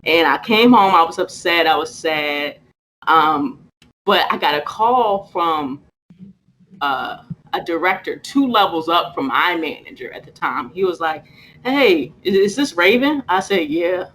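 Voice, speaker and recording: A young woman from Virginia, telling a work story in a casual interview, laughing often and acting out quotes in a high voice. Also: measured pace, fairly bright tone, slight background noise, poor audio. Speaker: guest.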